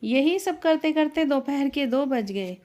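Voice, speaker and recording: A woman narrating a scripted family story in a steady, plain storytelling manner. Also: sits high, a little slow.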